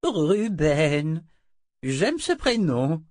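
Bloke playing a cranky old geezer who lost his memory, snippy and sarcastic, pitched up a bit. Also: big pitch swings, drawn-out words, darkish tone, no echo, clean studio sound, full character voice. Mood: testy. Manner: testy, sarcastic. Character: prickly amnesiac old man, sharp-tongued. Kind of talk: audiobook character voice.

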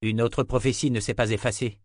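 A man voicing a young seeker who reasons calmly, in an audiobook reading. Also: medium pitch, brisk, dry recording, clean studio sound, close to an everyday voice. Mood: questioning. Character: young male seeker, calm and questioning.

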